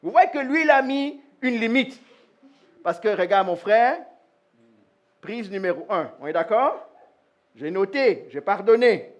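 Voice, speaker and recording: At a live church service, a pastor with a high-pitched voice preaches at a measured pace, leaving long pauses. He speaks animatedly and directly to the congregation, putting questions to them and acting out brief dialogues in different voices.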